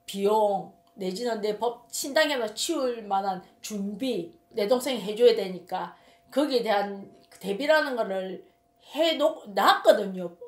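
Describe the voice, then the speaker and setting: A woman shaman with a Gyeongsang Korean accent telling a story in casual monologue, emphatic and rambling, often repeating her words. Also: fairly high pitch. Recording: roomy echo.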